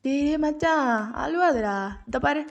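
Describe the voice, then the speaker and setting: A woman's voice: sits high, takes it slowly, pitched above the performer's own voice. A woman voicing a blunt, teasing young man who ribs his friend over drinks, in slangy talk. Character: teasing, bossy young male drinking buddy. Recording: dull lo-fi audio with music.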